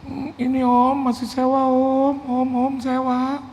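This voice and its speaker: A man's voice: mid-range voice, very animated, moderate pace, a little mellow. A man voicing a humble young male pastor who pleads and thanks over and over, in a church story. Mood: hesitant pleading. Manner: pleading, repeating "Om" often. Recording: reverberant church hall, faint noise.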